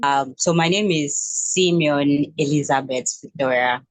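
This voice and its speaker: A woman's voice: deep voice, measured pace, no room sound. A Nigerian woman in her twenties speaking as an interview guest, hesitant, with frequent restarts and fillers. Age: 20s. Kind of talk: casual interview.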